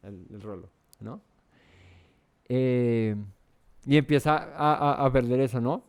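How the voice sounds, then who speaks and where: A man's voice: mid-range voice, slow pace, darkish tone, clear, resonant tone. Bogotá-accented man teaching Scripture. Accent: Bogotá Colombian Spanish. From Bogotá, Colombia. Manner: conversational, asks "¿cierto?" and "¿no?" often, with many restarts. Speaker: Bible study teacher. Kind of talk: verse-by-verse Bible teaching.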